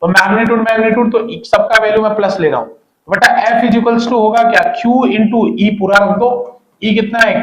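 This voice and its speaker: A man's voice: high voice, fairly bright tone. A man teaching physics in a classroom-style lecture, repeating key points and asking students questions as he goes. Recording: echoey room.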